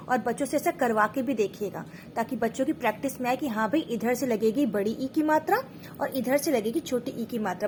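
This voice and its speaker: A woman with a high, light voice gives a patient instructional lesson. She explains each step, slows down to sound out syllables one by one, and keeps checking in with her listeners. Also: darkish tone, slight background noise. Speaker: teacher and mother. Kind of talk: instructional lesson for parents and teachers.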